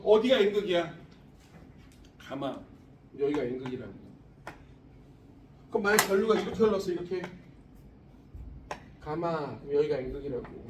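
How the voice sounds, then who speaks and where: A man in his forties teaching a high school science class, blunt and teasing, swearing often. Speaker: science tutor. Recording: classroom recorded from a distance, faint room noise.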